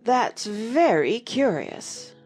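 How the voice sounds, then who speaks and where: A woman voicing a sorrowful, drowsy male Mock Turtle who speaks slowly and takes offence easily, in a dramatized audiobook. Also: on the high side, sing-song, a little mellow, slightly rough, faint music behind, full character voice. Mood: thoughtful. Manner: slow, touchy, pedantic.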